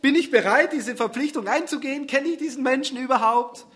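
A man's voice: very high-pitched, fairly quick, fairly bright tone, pitched above the performer's own voice. A man voicing an anxious young woman who overthinks her relationship and turns tearful. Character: anxious, soul-searching young woman in love.

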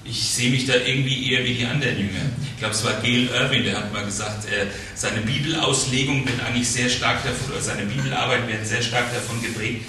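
A man teaches from the Bible in a relaxed, conversational way, stumbling over repeated words and checking in with his listeners. His voice is bright and forward. He sounds set back from the microphone in a strongly echoing room, with a faint hiss of noise behind him. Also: medium pitch, brisk, hardly any pauses. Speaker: preacher leading a Bible study. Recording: very echoey room, distant mic, faint noise.

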